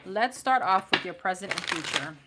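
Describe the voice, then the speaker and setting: A woman's voice: fairly low pitch, animated, moderate pace. Sassy New York tarot reader woman. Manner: blunt, sassy, laughing and chatty. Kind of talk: live tarot reading. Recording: audible background noise with card shuffling.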